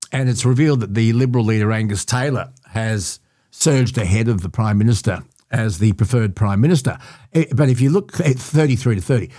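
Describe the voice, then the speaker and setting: A man's voice: mid-range voice, darkish tone, no room sound, clean studio sound. An Australian man hosting a podcast, chatting wryly about politics in short bursts. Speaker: podcast host. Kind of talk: casual political chat.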